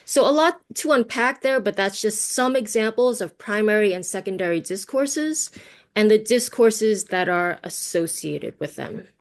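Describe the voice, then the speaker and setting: Animated and medium-pitched, moving at a moderate pace, a workshop presenter runs an online teaching session by video call. She's from the United States, speaks Cantonese as her first language, and keeps things conversational with frequent tag questions.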